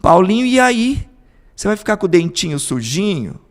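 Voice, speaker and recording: Man doing a pleading doting mom, sing-song and high, in a reverberant room. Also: sing-song, normal speed, natural voice. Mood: coaxing. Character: doting overindulgent mother coaxing her son.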